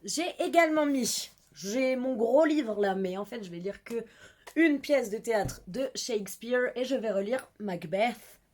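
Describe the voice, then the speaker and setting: Young female book vlogger, slightly high voice, giggly and self-deprecating, casual chat. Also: expressive, a little slow, darkish tone. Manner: chatty, giggly, self-mocking.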